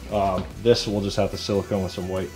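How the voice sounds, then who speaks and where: With soft music in the background, a thirtysomething home renovator vlogs casually from his half-renovated kitchen, explaining the job step by step to a camera held at arm's length. He speaks a little fast in a low, darkish voice with little pitch movement.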